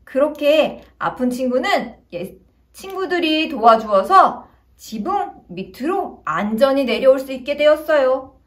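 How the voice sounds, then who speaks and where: A woman with a very high voice tells a Bible story to small children. She speaks in an animated, sing-song storytelling manner as a children's evangelist. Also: unhurried.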